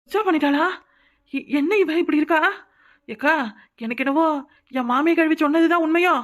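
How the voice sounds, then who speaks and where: A high, nagging cartoon voice of a younger village woman who gossips, as a woman acts her out. She sounds quick and suspicious, with a southern Tamil Nadu accent. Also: natural voice. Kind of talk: cartoon voice acting.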